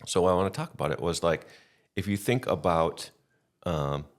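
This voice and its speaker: This time the deep-voiced Midwestern podcast guest sounds more animated, talking at a normal speed. He's still a meandering, self-deprecating storyteller, keeping the chat casual and relaxed.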